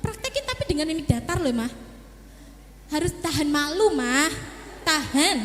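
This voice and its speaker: A woman with a very high, lively voice gives a parenting seminar, coaching mothers and acting out scenes between parent and child. Her voice rings through a hall with long reverb. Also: moderate pace, a little hiss or hum. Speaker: child psychologist speaker.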